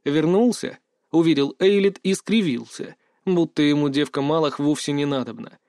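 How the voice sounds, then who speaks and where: Guy reading an audiobook, kinda high voice, steady telling that lifts now and then, dead dry sound. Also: normal speed, no room sound. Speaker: audiobook narrator. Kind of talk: first-person audiobook narration.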